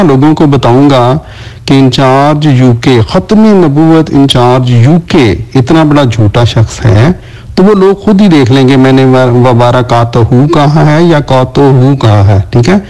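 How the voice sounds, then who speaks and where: Mellow-voiced man pressing hard questions. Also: fairly high pitch, expressive, low-quality recording. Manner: insistent, repeats pointed questions. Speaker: debater in voice messages. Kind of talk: recorded voice message.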